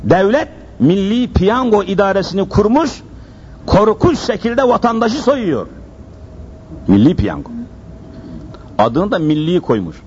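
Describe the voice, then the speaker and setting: A high-voiced man delivers a sermon at a pulpit microphone, pressing his points with emphasis and volleys of rhetorical questions. The recording is muffled and lo-fi, with a faint hum underneath. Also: sing-song, a little slow, pauses often, a little mellow. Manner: emphatic and insistent, with rhetorical questions and repeated phrases. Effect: speaking into a pulpit microphone. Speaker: preacher.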